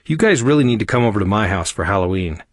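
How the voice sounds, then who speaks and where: A man's voice: fairly low pitch, animated, quick pace, dry recording, studio quality, lightly acted. A man voicing a jumpy, wisecracking young human man in an audiobook, complaining a lot. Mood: breathless.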